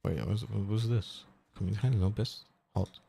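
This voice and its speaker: A man casually chatting on a live stream, reading and answering chat in a relaxed, mumbling way that trails off. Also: lowish voice, moderate pace, creaky, slightly rough, faint music behind.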